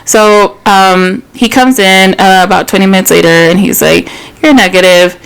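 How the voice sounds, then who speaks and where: A woman's voice: medium pitch, steady tone, normal speed, gravelly, clear, resonant tone, rough recording. Candid woman in her thirties, swearing freely. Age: 30s. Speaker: podcast co-host. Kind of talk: casual chat.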